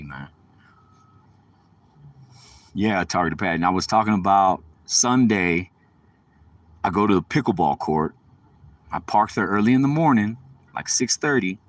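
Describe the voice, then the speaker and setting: A man's voice: lowish voice, a bit bright. Profane, rambling man heard from a distance. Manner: profane, rambling, streetwise slang. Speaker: livestreamer. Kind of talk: casual storytelling.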